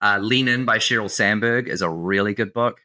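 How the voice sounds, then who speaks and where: Bright-voiced man with an Australasian accent. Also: fairly low pitch, moderate pace. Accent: Australian or New Zealand. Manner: earnest, practical, frequent restarts. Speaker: guest, company CEO. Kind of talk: casual interview chat.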